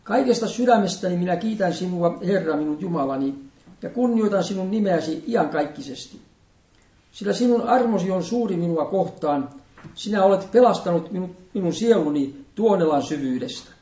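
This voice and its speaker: A man preaching a sermon, reading scripture in a solemn, measured liturgical manner. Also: sits high, animated, warm tone, recorded from a distance. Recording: echoey room, voice from off-mic.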